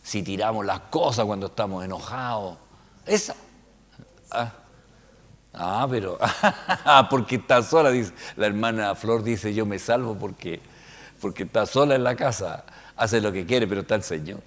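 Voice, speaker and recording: A man preaching a Bible study sermon as pastor, conversational, often checking in with his listeners, moving between soft asides and loud emphatic peaks. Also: fairly low pitch, normal speed.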